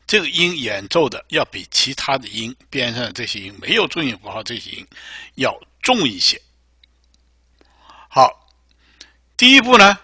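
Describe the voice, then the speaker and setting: A man teaching music notation software in a patient, step-by-step screen tutorial. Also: mid-range voice, husky, no room sound, studio quality.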